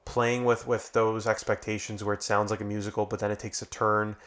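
A man's voice: fairly low pitch, flat delivery, brisk, a bit bright. A man co-hosting a casual music podcast, explaining songs in a thoughtful, easygoing way. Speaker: podcast co-host.

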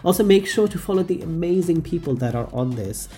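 A man's voice: a little high, expressive, a little fast, warm tone. A man with a slightly nasal, cold-affected voice, hosting a podcast in an informal, effusive way. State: recovering from a cold. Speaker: podcast host. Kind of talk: chatty show introduction and interview.

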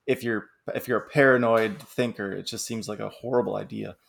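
Gravelly low-voiced man in casual chat. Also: fairly even intonation, brisk. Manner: laughs often, musing and talkative. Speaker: podcast co-host.

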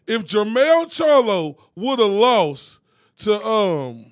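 A man's voice: sits high, big pitch swings, slow. A man from Dallas with a Texas accent, co-hosting a boxing talk show, laughing and joking in slang. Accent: Texan. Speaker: podcast co-host. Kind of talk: casual sports debate.

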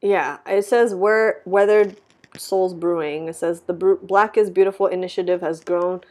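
A woman's voice: lowish voice, steady tone, normal speed, a little mellow. A woman co-hosting a podcast in casual chat, rambling with many fillers and laughing easily. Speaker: podcast co-host.

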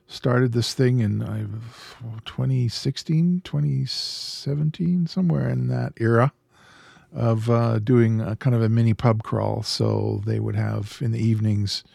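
A man co-hosting a podcast, telling a story in a relaxed, easygoing way with a few fillers. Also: medium pitch, gravelly, no room sound, studio quality. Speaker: podcast co-host. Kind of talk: casual chat.

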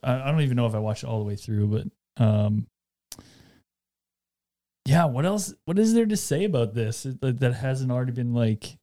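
A man's voice: mid-range voice, expressive, normal speed, warm tone. A man talking hesitantly in a casual group chat.

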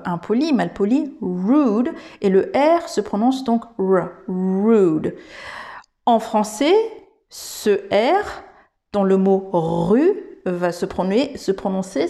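A woman's voice: mid-range voice, creaky, warm tone. A woman hosting a podcast lesson, speaking thoughtfully with frequent fillers and restarts. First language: French. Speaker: English teacher and podcast host.

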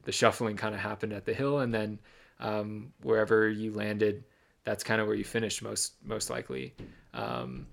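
A man's voice: on the low side, moderate pace, gravelly. A young man co-hosting a podcast, casually recounting a race he ran, with lots of ums and restarts. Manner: relaxed storytelling with many ums and restarts. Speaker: podcast co-host, runner.

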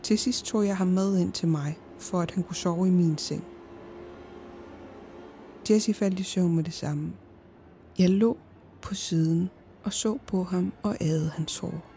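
Woman, horror narration, slow and hushed, often whispering, dark mellow tone, low voice. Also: slight background noise.

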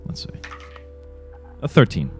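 A man's voice: unhurried, faint music behind. A man with a cold and a nasal voice, co-hosting a podcast, ranting with lots of swearing. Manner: animated ranting, frequent swearing. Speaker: player and podcast co-host. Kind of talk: casual podcast banter.

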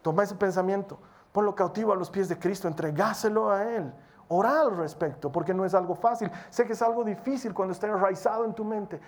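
An earnest preacher delivers a sermon in a mid-pitched voice. The delivery is exhorting, sometimes rushing ahead and sometimes slowing down to stress a point. Short prayers and bits of dialogue are acted out along the way. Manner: earnest, exhorting, speeds up and slows down for emphasis.

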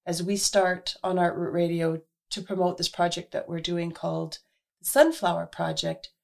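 Woman, radio host, hoarse and husky, lowish voice, chatty and earnest. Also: moderate pace, darkish tone. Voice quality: husky, gravelly. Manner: chatty, earnest, many fillers. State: hoarse from illness. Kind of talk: casual radio monologue.

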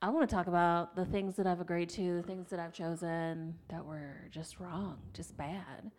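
A woman's voice: fairly low pitch, normal speed. Chatty woman host telling stories. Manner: animated storyteller, laughs often. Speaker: podcast host. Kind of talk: casual chat.

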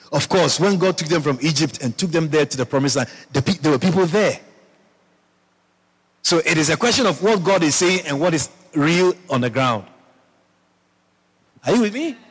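A man preaching from the pulpit, his voice pitched a little high. He keeps turning to the congregation with quick questions, and the church hall adds a long trailing reverb to his voice. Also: slightly rough. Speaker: pastor. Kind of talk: sermon.

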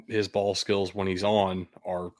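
Male sports host, deep voice, casual but blunt and opinionated analysis, dry studio-like closeness. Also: little pitch movement, measured pace, darkish tone, no echo. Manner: opinionated, blunt, occasionally profane.

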